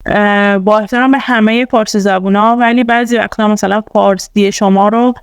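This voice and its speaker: Woman with a gravelly, smooth voice. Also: medium pitch, steady tone, no echo. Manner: chatty, explains step by step with many fillers. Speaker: tutorial presenter. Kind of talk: casual screen-recorded tutorial.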